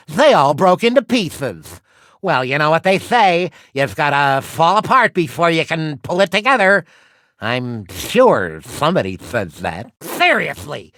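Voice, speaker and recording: A man's voice: high-pitched, bright, forceful tone, no room sound, full character voice. A man voicing a vain, cowardly cartoon duck superhero in a video game, with a slushy lisp and a bombastic, wisecracking manner. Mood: sardonic, jumpy. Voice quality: wet lateral lisp, slushy sibilants.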